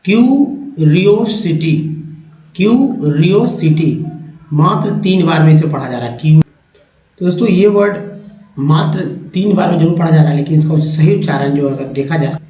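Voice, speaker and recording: A man teaching English spelling and pronunciation in a slow, deliberate classroom style. He repeats each word three times and keeps checking that his viewers follow. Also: fairly high pitch, mellow. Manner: addresses viewers as friends, often checks with "ठीक है". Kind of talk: spoken classroom lesson. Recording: roomy, dull lo-fi sound.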